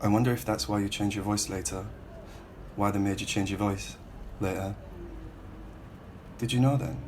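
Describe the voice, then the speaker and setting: A man from Hull reads his own prose aloud in a measured, questioning way. His voice sits low and stays flat and even. A steady hiss of background noise runs under the recording. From Hull, England. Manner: measured, reflective, questioning delivery. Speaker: writer reading his own work. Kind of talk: literary reading in the second person.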